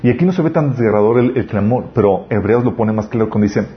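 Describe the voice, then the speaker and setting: A man's voice: lowish voice, animated, fast. A man preaching a sermon, earnest and full of rhetorical questions. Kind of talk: sermon on parenting. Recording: slightly dull lo-fi recording with faint noise.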